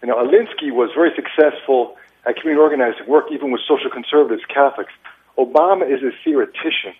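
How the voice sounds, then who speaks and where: A man's voice: medium pitch, fast talker, slight background noise. Man calling in over a tinny phone line. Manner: earnest, argumentative, pointed. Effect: narrow telephone line. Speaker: caller. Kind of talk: call-in to a talk radio show.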